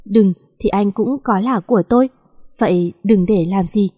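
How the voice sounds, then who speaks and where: A woman narrating a first-person story in a calm, even reading voice. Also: medium pitch, moderate pace.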